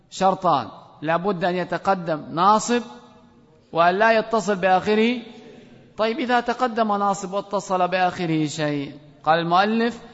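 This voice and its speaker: A man's voice: sits high, long reverb tail, highs cut off. A man teaching an Arabic grammar class, asking questions and calling on students by name.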